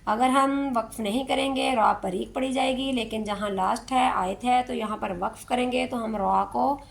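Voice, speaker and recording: A woman, teaching Quran recitation step by step, explaining slowly and chanting verses drawn out. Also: on the high side, steady tone, vocal fry.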